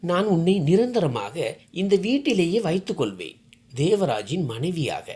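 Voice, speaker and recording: A loving old mother, tearful and pleading, as a woman reader puts her on, her voice rising and falling in wide swings. She speaks in a storybook tale with warm, emotional appeals. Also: fairly low pitch, very animated, measured pace. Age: older.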